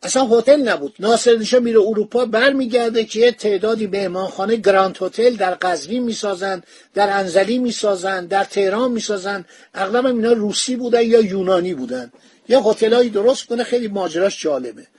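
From a bookshelf-lined home study, a man with a high, husky, darkish voice hosts a podcast, recorded dry. He spins a historical travel account into a casual anecdote and voices the quoted dialogue himself.

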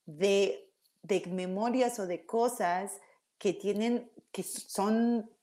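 A woman giving a lively explanatory talk, tagging her sentences with "ok?". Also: medium pitch, drawn-out words. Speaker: speaker teaching about emotions.

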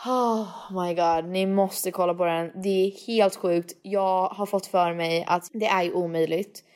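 A young woman co-hosting a podcast in casual chat, telling stories and mixing Swedish with English. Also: on the low side. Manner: animated storyteller, mixes Swedish and English. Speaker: podcast co-host.

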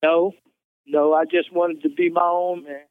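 A man's voice: a little high, level tone, measured pace, clean tone, no room sound, phone-quality sound. A man in his sixties from Kansas City, Missouri, talking on a prison payphone call, plain-spoken, often restarting words and adding "man.". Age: 60s. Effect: prison payphone call line. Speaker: incarcerated interviewee. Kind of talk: casual phone interview.

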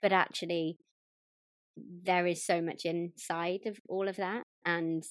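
A woman's voice: on the low side, flat delivery, slow pace, dry recording, clean studio sound. A woman hosting a self-development podcast, reading a scripted guest introduction and then chatting. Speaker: podcast host. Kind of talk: podcast interview.

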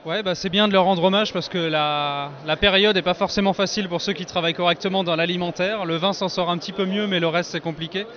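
A man's voice: high-pitched, fairly even intonation, quick pace, hardly any pauses, fairly bright tone. A man who makes cheese and charcuterie platters, interviewed at an outdoor festival, speaking earnestly and enthusiastically with some fillers. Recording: muffled lo-fi recording outdoors.

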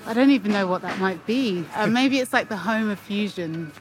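A woman's voice: mid-range voice, moderate pace, slight background noise. A woman speaking casually in a street vox pop, musing aloud. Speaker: passer-by in street interview.

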